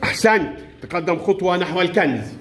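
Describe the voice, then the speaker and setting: A man's voice: sits high, lively intonation, quick pace, a bit bright. A man with an Egyptian accent teaching young pupils in a classroom, encouraging them and praising their answers often. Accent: Egyptian Arabic. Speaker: primary school teacher.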